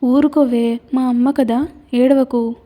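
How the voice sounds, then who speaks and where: A woman's voice: high-pitched, steady tone, slow, dark tone. A woman voicing an affectionate elderly grandmother, speaking in a soothing, coaxing way in an audio story. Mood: consoling. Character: loving elderly grandmother, comforting and tender.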